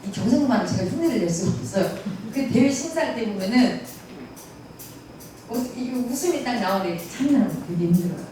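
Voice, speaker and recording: A woman's voice: on the high side, animated, a little fast, dark tone. Folksy female lecturer, recorded far off in an echoey room with faint noise. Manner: chatty, folksy, mimics dialect phrases. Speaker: pansori lecturer. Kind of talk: casual lecture with audience questions. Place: lecture room at a cultural center. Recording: echoey hall, distant mic.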